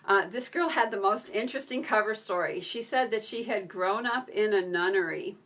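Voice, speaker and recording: A woman's voice: medium pitch, normal speed, a bit bright. Chatty woman telling a story live. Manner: chatty, answers viewer comments mid-story. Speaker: video creator on a live stream. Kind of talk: casual storytelling on a live stream.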